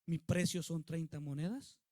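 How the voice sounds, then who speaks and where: Man putting on a betrayed friend's voice, hushed and lower, quiet reproachful questions, high voice, dry sound. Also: fairly even intonation, normal speed, dry recording, natural voice. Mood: hurt, reproachful. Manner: soft, reproachful rhetorical questions.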